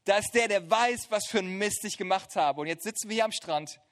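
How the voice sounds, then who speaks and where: A man voicing a guilt-ridden fisherman apostle who mutters his resigned thoughts in a low, hushed voice during a sermon. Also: brisk.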